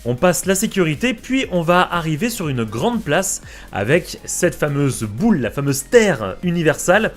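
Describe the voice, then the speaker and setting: A man's voice: on the high side, big pitch swings, normal speed, soft background music. Chatty man narrating a park vlog. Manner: chatty, many fillers and asides. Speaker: vlogger touring a theme park. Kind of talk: casual vlog voice-over.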